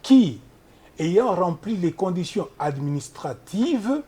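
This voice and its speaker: A husky, mellow-toned man, talking as a lawyer in a studio interview. He explains in a measured, lecturing way, with a lively rise and fall in his pitch. He cites article after article. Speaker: human rights lawyer guest.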